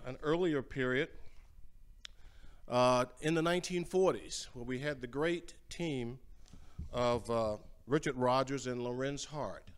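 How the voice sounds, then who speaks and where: Older man hosting, smooth unhurried voice. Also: medium pitch. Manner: rambling, halting, with many fillers and repeated words. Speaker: show host and singer. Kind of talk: casual spoken introductions between sung ballads. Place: large home entryway, indoors. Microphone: far camera, standing at a music stand.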